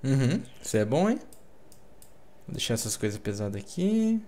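Co-playing a survival game, this Brazilian Portuguese-accented man keeps up relaxed, chatty gaming talk and drops "velho" frequently. His medium-pitched, dark-toned voice is very animated at a moderate pace.

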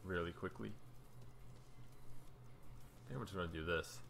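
Low-voiced man narrating his gameplay stats. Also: animated, moderate pace, vocal fry, fairly bright tone, slight background noise. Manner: chatty, loose, talks while scrolling menus. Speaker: gaming YouTuber. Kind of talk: casual gameplay commentary.

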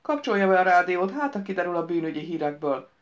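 A woman reading an audiobook, voicing a calm man who answers dryly and matter-of-factly. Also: on the low side, lo-fi sound. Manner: dry, matter-of-fact. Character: dry, calm male trainer, unflappable.

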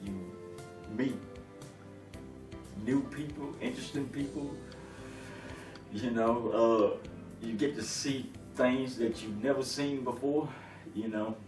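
A man's voice: mid-range voice, slow pace, long pauses. A middle-aged man, a long-haul truck driver, talking easygoingly in an interview with lots of fillers and restarts. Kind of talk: relaxed conversational interview. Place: living room, seated on a sofa. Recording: roomy, distant, with music underneath.

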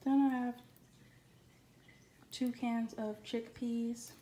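A woman talks through her grocery haul in a relaxed, matter-of-fact way. Her pitch barely moves. The room rings with echo, and noise sits clearly behind her. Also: drawn-out words. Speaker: vlogger. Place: home kitchen.

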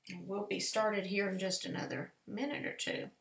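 A woman's voice: medium pitch, fairly even intonation, moderate pace, gravelly, fairly bright tone. A woman, giving a chatty, folksy step-by-step painting lesson in a live tutorial. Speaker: painting teacher. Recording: echoey room.

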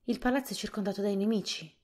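A woman reading a storybook softly, voicing an earnest, practical young boy. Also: medium pitch, fast talker, voice pushed up, close to an everyday voice.

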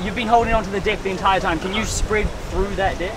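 High-voiced man doing card magician patter. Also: fairly even intonation, fast talker. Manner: card magician patter, reassuring spectators of fair play. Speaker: street magician and vlog host. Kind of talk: street magic performance patter. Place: outdoors on a city street at night. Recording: busy outdoor street with crowd noise.

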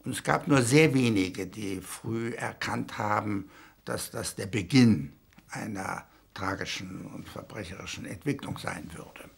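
Old guy in his 80s, really gravelly and husky, reflecting slowly in short bits for an interview. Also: lowish voice. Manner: deliberate, broken into short phrases. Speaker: eyewitness interviewee.

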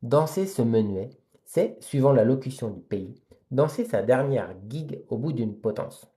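A man's voice: mid-range voice, expressive, a little slow, dark tone. A man reading a classic novel aloud during a live phone stream, stopping now and then to chat with viewers and sum up the story in plain, hesitant talk.

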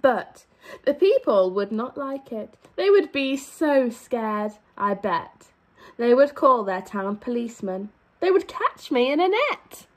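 A young primary school teacher takes her time reading a children's storybook aloud. Her voice sits on the high side and is very animated, and she stretches out key words for expressive emphasis.

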